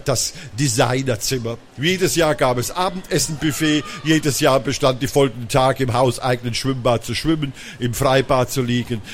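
A man reading a children's story aloud in a lively, animated way. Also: mid-range voice, a little hiss or hum.

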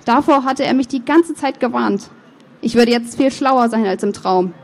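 A woman author reading her novel aloud, with measured, expressive first-person narration and the odd slip of the tongue. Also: fairly high pitch. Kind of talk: book reading.

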